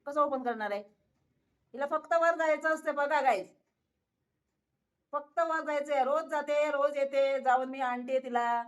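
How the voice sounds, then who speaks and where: A woman's voice: high voice, measured pace, pauses often. A woman in a casual pet vlog, talking to her viewers and coaxing her cat, repeating words and laughing often. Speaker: pet vlogger. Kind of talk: casual talk to camera while coaxing a cat.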